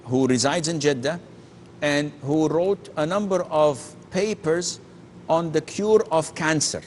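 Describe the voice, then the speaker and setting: Slow and earnest, this male sheikh responds to callers' questions in a religious call-in program, emphatic and sprinkling in Arabic phrases while often restarting. His pitch is fairly high, his tone darkish. There's slight background noise.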